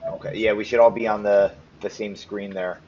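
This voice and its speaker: A man narrating as game master for a tabletop game, relaxed with frequent ums. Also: fairly low pitch, moderate pace. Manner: casual, lots of ums and restarts. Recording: slightly muffled with faint noise.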